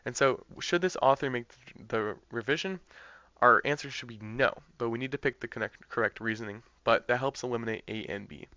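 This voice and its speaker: Man, test prep tutor, conversational, thinking aloud, crisp bright tone, dry close sound. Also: medium pitch, no echo, muffled recording. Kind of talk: explaining practice test answers.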